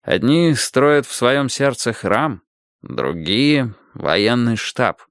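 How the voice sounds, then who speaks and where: A man voicing a kind, thoughtful old grandfather who speaks slowly and reflectively in an audiobook story. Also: medium pitch, animated, smooth, dry recording, clean studio sound. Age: older. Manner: slow, gentle, reflective.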